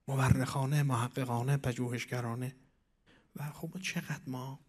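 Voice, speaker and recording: A man giving a sermon, reciting scripture in a measured way and swinging between loud declaiming and hushed asides. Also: mid-range voice. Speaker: preacher.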